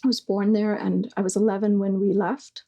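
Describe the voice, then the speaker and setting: Slow, soft-spoken woman with a gravelly edge. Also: medium pitch, flat delivery. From East Germany. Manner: slow, hesitant, with many fillers. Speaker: guest. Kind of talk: reflective conversation.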